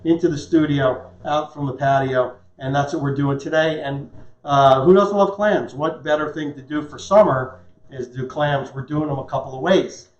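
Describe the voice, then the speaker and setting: This fiftyish chef and cooking show host leads a live demonstration from his home kitchen, keeping things casual, chatty, and full of jokes. He speaks at a moderate pace with a fairly high pitch, while kitchen echo leaves the audio dull and muffled.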